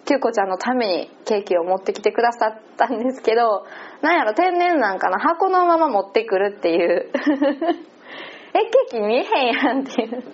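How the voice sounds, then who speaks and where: A woman's voice: a little high, animated, moderate pace. A woman with a Kansai accent chatting casually and laughing often as she recaps an event. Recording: slightly muffled lo-fi audio.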